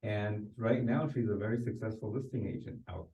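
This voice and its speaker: A real estate sales coach tells anecdotes during a group coaching discussion, speaking conversationally, restarting sentences and often checking that others agree. His voice is on the low side, normal in speed, and mellow, though the recording sounds distant, echoey, and thin like a phone.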